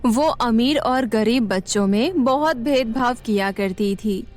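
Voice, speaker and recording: A woman reads a cartoon story in a steady, scripted voice that sits a little high. Faint music plays behind her. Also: unhurried. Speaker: narrator.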